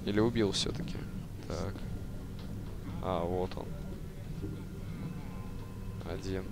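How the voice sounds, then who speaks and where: A man's voice: steady tone, slow pace, gravelly. A man giving casual gameplay commentary, muttering to himself in mildly crude slang. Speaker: let's-play gamer. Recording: game music and rumble behind voice. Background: loud game music and sound effects.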